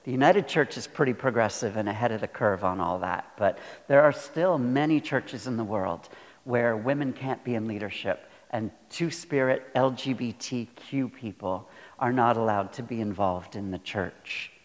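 Earnest and deliberate, a man delivers a sermon as a pastor, driving points home by repeating phrases. His voice sits in the mid range, and the recording carries a long hall reverb.

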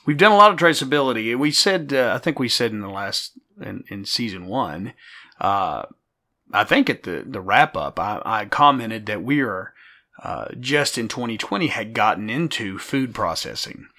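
Hoarse man, late forties, podcast co-host; low, forceful, rambling and chatty. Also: very animated, normal speed. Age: 40s. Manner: rambling, many fillers and restarts. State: hoarse, gravelly voice. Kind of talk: casual podcast chat.

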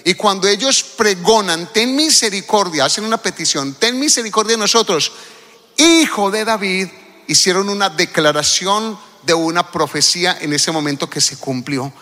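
Male preacher, high voice, lively sermon delivery with calls to the congregation, reverberant hall. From Colombia.

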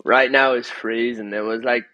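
A man's voice: mid-range voice, steady tone, moderate pace, pushed and bright, dull audio. A man from Sligo with a west of Ireland accent, chatting casually and easily as an interview guest. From Sligo, northwest Ireland. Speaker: surfer being interviewed as podcast guest. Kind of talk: casual chat.

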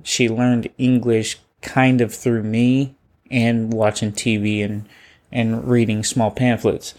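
A young man hosting his own podcast, talking in a relaxed, chatty way and laughing often, into a studio microphone at home. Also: medium pitch. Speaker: podcast host. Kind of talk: casual solo podcast reflection. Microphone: studio microphone and webcam.

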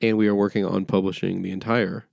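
A man hosting a casual church podcast, friendly and energetic. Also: deep voice, fast, gravelly, no echo, clean studio sound. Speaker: podcast host. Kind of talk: casual chat.

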